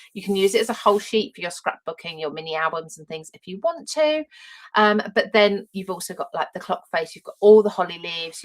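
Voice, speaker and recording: A woman's voice: on the low side, fairly bright tone, low-quality recording. A woman with an Essex accent, chatting enthusiastically as she presents her own papercraft collection on a live stream and greets viewers by name. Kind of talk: live-stream product demonstration.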